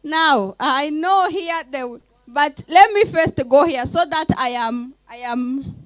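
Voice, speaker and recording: A woman moderating a youth panel, brisk and directing the speakers. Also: high voice, expressive, no echo, poor audio. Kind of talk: moderating a discussion.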